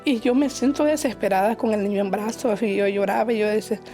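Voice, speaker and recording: A woman from Honduras, giving a personal testimony in church in an emotional, halting way, often repeating her words. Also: mid-range voice, fairly even intonation, warm tone, soft background music.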